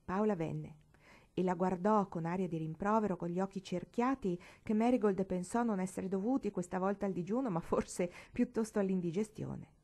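A woman reading a novel aloud with expressive narration, lifting her voice for emphasis. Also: mid-range voice, moderate pace. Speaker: audiobook reader. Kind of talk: audiobook narration.

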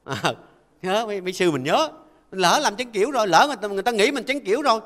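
Older monk, high bright voice. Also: male voice, lively intonation, fast, long reverb tail. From Vietnam. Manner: folksy, keeps asking listeners to agree. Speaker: Buddhist monk giving a dharma talk. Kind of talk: conversational sermon.

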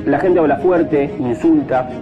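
A man voices a male airline pilot, speaking through a thin, phone-like cabin speaker. His slightly high voice keeps a formal announcing tone with a wry, proud edge, and music plays clearly underneath. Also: unhurried. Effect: cockpit announcement over the cabin speaker.

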